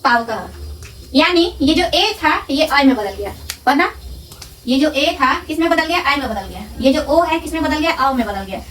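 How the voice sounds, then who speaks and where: A woman teaching a grammar lesson, asking questions and answering them herself, repeating terms slowly. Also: high-pitched, expressive, fairly bright tone. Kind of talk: classroom-style lesson. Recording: distant from the mic.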